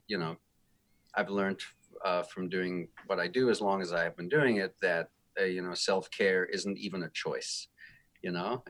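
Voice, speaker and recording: A man's voice: low voice, fairly bright tone. A man speaking as a guest music therapist, talking in a thoughtful, reflective, self-deprecating way in a casual interview.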